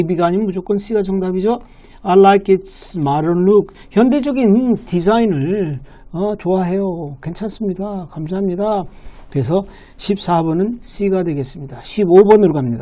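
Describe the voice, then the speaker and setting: A man who runs an English academy, teaching a listening lesson step by step and reading English lines slowly. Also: sits high, mellow.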